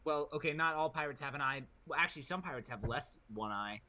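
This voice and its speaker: A man's voice: a little high, quick pace, a crowd in the background. A man playing a tabletop game, joking and defending his pirate character. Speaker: player. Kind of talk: playful tabletop game chat.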